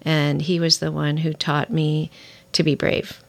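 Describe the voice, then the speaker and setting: A middle-aged woman author in an interview, talking about her novel and reading a passage from it aloud at a measured pace. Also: low-pitched, level tone, creaky.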